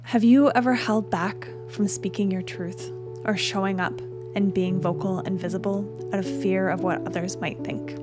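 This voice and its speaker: A woman in the host's chair of a spiritual podcast, with a voice of ordinary pitch. She talks in a soft, earnest, unhurried way, and music plays clearly beneath her. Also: steady tone. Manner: soft, earnest, measured delivery. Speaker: podcast host. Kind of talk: spiritual podcast narration and interview.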